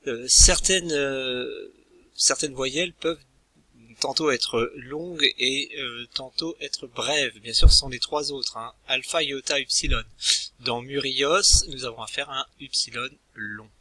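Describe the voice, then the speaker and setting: Guy teaching a lesson, really bright tone, lots of ums and restarts, dead dry room. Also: medium pitch, unhurried, no room sound. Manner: hesitant, many filler sounds and restarts. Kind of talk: recorded language lesson.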